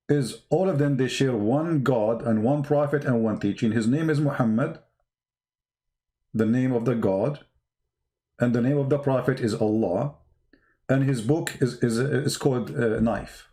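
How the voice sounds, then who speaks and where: A man with a mellow, mid-range voice gives spontaneous polemical commentary online. He's a non-native English speaker who argues emphatically, repeating himself and posing rhetorical questions.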